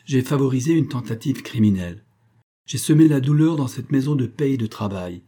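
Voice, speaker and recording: A man's voice: mid-range voice, lively intonation, fairly quick, dark tone, pitched above the performer's own voice, close to an everyday voice. Man reading as a contrite, courtly billionaire. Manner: formal, contrite. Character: remorseful older male billionaire, courtly.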